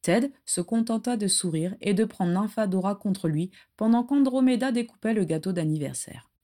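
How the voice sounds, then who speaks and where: A woman narrating a story aloud with a lively, expressive reading. Her voice sits at an ordinary middle pitch for a woman. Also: normal speed. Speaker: audiobook narrator.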